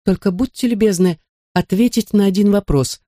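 A narrator voicing a calm, powerful enchanter who is polite, unhurried and gently mocking, in a storybook reading. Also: medium pitch, no echo, clean studio sound, voice pushed up, close to an everyday voice. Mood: courteous. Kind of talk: audiobook character voice.

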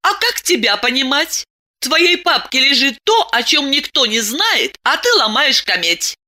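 In a storybook reading, a woman narrator puts on the voice of a shrill, venomous wife who raises her voice high in sarcastic accusation. The delivery is bright, sing-song, unhurried, and exaggerated, with wide swings in pitch.

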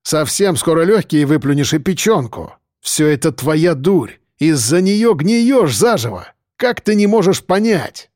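A man's voice: fairly high pitch, big pitch swings, measured pace, hardly any pauses, darkish tone, no echo, clean studio sound. A man voicing a cold, contemptuous middle-aged police major who growls at his prisoner. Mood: scolding.

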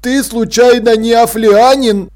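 A man's voice: very high voice, fairly even intonation, measured pace, a little mellow, voice pushed up. A man voicing a weepy, devout schoolboy who whimpers and sniffles as he talks. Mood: whimpering.

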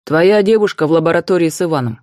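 A woman's voice: mid-range voice, lively intonation, normal speed, mellow, no room sound, clean studio sound, close to an everyday voice. A woman voicing a grumpy male office colleague who speaks in a curt, exasperated way.

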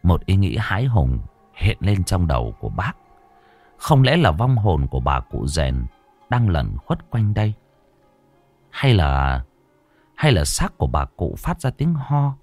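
A man's voice: deep voice, big pitch swings, unhurried, darkish tone, dry recording, soft background music. A man narrating a horror story in a dramatic, suspenseful way.

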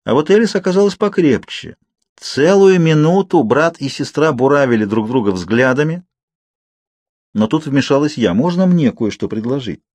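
Husky man reading an audiobook. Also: a little high, dry recording. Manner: steady, measured reading. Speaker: audiobook reader. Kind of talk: audiobook narration.

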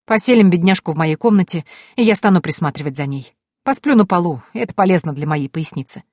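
A woman's voice: lowish voice, lively intonation, fast, a little mellow, no room sound, clean studio sound. A woman voicing a bustling, grumbling older female tavern cook who drawls her exclamations.

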